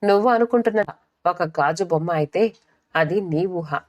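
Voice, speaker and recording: A resolute young wife who speaks calmly and firmly, voiced by a woman narrator. Her tone is low and steady, close to the reader's own voice. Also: normal speed, close to an everyday voice. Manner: calm, firm.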